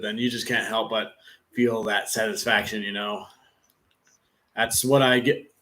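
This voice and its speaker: Man, live streamer, casual game commentary, rambling, filler-heavy, middle pitch. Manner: relaxed play-by-play narration.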